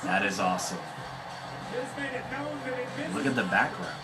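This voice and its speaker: A man's voice: low-pitched, unhurried, loud music behind the voice. A man co-hosting a casual wrestling reaction chat, enthusiastic and laughing while he tells stories. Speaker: co-host of a wrestling reaction show.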